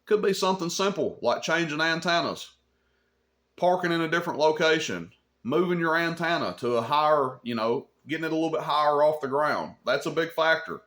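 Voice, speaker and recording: A CB radio shop's video host talks straight to camera in an unscripted, folksy explainer. His voice is a little high and a bit bright, brisk and expressive, and he keeps stressing and repeating his points in plain words while checking in with the listener.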